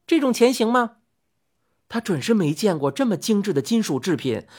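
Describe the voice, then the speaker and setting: Lively woman reading a story aloud. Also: mid-range voice, slightly rough. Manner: lively, acts out the quoted lines. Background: faint music.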